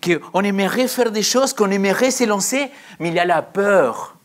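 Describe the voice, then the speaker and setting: A woman's voice: medium pitch, expressive, normal speed. A woman preaching a sermon in a questioning, reflective way, drawing out her phrases.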